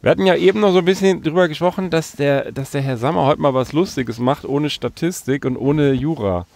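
A Berlin man hosts a casual podcast chat among friends from inside a parked van, teasing his co-hosts with playful introductions. His voice is a little high, creaky and a little mellow, he speaks a little fast, and there's no room sound.

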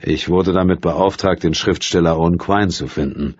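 A measured, soothing male private detective, read by a male narrator speaks in a low, husky voice. The recording is dry, close and a little dull. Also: steady tone, darkish tone, no echo. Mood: calm.

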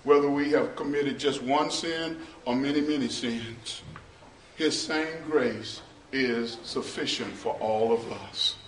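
A middle-aged male pastor preaching a sermon in a small church. He preaches slowly and builds to shouting, half-sung peaks. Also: mid-range voice, a little hiss or hum. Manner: slow, preachy, rises to shouting and half-singing. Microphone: far camera, no mic seen. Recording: roomy church echo from far off.

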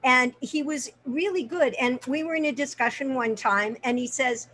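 A woman in her seventies, a guest actress chatting casually in an interview, bubbly and quick to laugh. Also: sits high, sharp tone.

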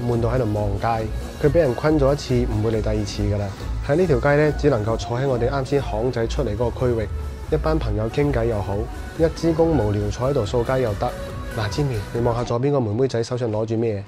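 A man with a Cantonese accent talks quickly and wryly as he tours a street at night, teasing his companion and offering opinions. His voice sits at a middle pitch. Loud bar music thumps behind him. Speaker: vlog host. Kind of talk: walking tour commentary. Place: busy nightlife street outdoors. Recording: music blaring from street bars.

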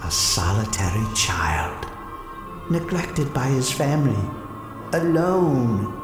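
An actor playing a solemn ghostly spirit in an audio drama, questioning in a deliberate, probing way. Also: male voice, mid-range voice, very animated. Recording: echoey voice over music.

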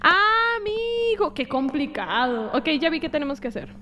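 Una mujer con acento mexicano que comenta su partida en directo, reacciona con gritos excitados y traduce lo que dicen los personajes. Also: female voice, sits high, fairly quick. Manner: excitable, shrieking reactions, translating game lines. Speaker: streamer. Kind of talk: gameplay commentary. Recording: game music behind.

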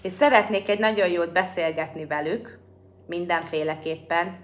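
A woman with a fairly low voice talks to her livestream audience. Her delivery is casual and conversational, as a host speaking straight to viewers.

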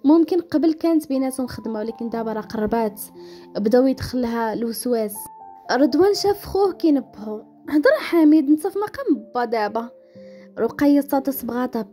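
Fast-talking Moroccan woman storyteller. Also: high voice, expressive, warm tone, faint music behind. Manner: voices characters' quoted lines within the narration. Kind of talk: dramatic story narration in Darija.

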